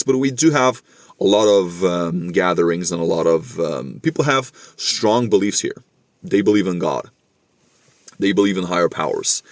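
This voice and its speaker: This low-pitched young man from Norway speaks English with a faint Scandinavian tinge, recorded with no room sound. Chatting casually to camera as a vlogger, he says things more than once and keeps calling the listener "bro."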